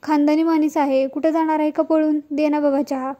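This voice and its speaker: A woman's voice: high-pitched, level tone, a little fast, mellow, lightly acted. A woman reading a boastful son-in-law. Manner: boastful, pushy.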